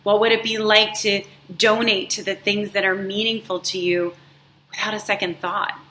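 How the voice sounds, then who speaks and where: A woman's voice: medium pitch, flat delivery, a little hiss or hum. A woman hosting a motivational coaching talk who speaks in an encouraging way and draws out the words she wants to stress. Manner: warm, encouraging, drawn-out emphasis on words. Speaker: life coach and show host. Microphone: live stream setup.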